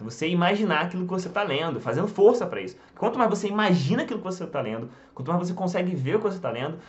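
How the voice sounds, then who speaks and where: Lively Brazilian man teaching. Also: fairly high pitch, highs cut off. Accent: Brazilian Portuguese. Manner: talks while drawing on a board, many fillers like "tá?" and "ó". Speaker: English teacher. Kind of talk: casual online lesson.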